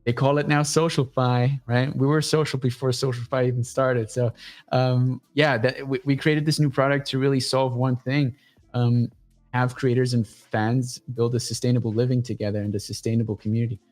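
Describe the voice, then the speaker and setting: A man talking as a guest on a casual livestream show, pitching his startup in a blunt, profane, energetic way. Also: normal speed.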